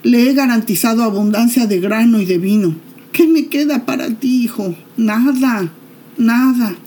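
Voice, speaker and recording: Lady doing old blind dad from a bible story, mellow low-key voice, slow and grave. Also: natural voice. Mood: distressed. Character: aged blind father, gentle and grave.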